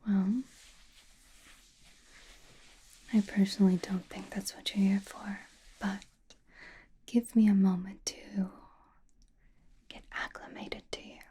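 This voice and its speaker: A woman voicing a powerful, mysterious witch in a slow, breathy, intimate ASMR whisper, gently teasing and soothing. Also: medium pitch, flat delivery. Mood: knowing, measured.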